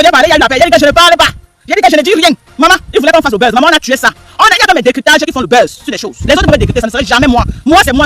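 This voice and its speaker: Commentator: man with a very high, bright voice, rapid emphatic delivery, rhetorical questions. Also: no echo. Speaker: live stream commentator. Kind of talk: animated live stream commentary.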